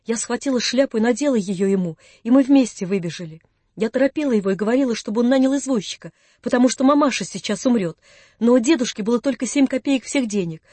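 Soft, measured audiobook narrator. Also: medium pitch, animated, no echo. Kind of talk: audiobook reading of classic prose.

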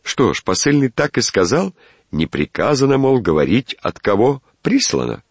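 A man's voice: medium pitch, big pitch swings, moderate pace, husky, no echo, voice pushed up. Old manservant, stubborn, grumbling, matter-of-fact, dry close sound, read by a man. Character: stubborn, sluggish old male servant.

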